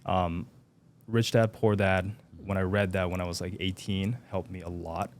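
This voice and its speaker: Low-voiced young man, hesitant speech. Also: flat delivery, normal speed. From Japan. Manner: hesitant, many fillers and restarts. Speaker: podcast guest. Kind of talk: casual interview chat.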